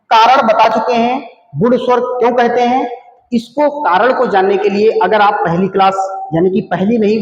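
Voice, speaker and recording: A man teaching a Hindi class, asking questions and answering them himself and counting slowly aloud. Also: high-pitched, lo-fi sound, a little hiss or hum. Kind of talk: classroom lecture. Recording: echoey hall reverb.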